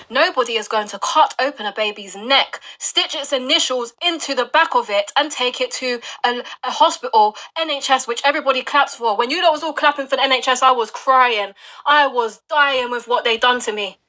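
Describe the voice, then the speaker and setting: A woman's voice: high-pitched, sharp tone. A woman giving an upset, urgent commentary to her viewers, swearing and pressing her points. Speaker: video blogger. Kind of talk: live commentary on online records.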